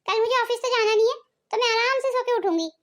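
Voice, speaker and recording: A woman voicing a proud, demanding young daughter-in-law in a cartoon family drama, sharp and haughty. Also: extremely high pitch, quick pace.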